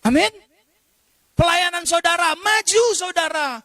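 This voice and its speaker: A man preaching a sermon as pastor, impassioned and direct, sometimes slipping into slow sung prayer. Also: extremely high pitch, bright, forceful tone, dry recording.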